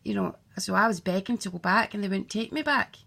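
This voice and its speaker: A woman's voice: medium pitch, brisk, gravelly, a bit bright. A woman telling her own life story in a blunt, candid way, swearing freely and acting out what others said. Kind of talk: personal storytelling.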